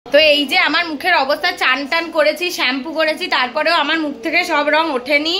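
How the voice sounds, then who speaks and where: High-voiced chatty Kolkata vlogger woman. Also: fairly even intonation, quick pace, pushed and bright. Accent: Kolkata Bengali. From Kolkata, India. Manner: chatty, narrates family moments to the camera. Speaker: lifestyle vlogger. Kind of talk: casual home vlog. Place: family home, indoors. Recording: noisy home phone recording.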